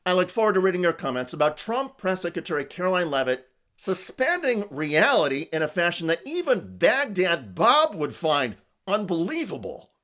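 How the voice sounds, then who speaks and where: Animated man delivering political news commentary. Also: high-pitched, moderate pace.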